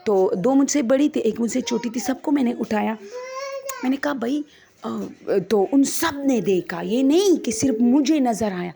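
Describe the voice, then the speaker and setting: A woman's voice: a little high, expressive, vocal fry, hardly any pauses, warm tone. A woman, chattily retelling a first-person ghost story to her listeners as friends and acting out the quoted dialogue.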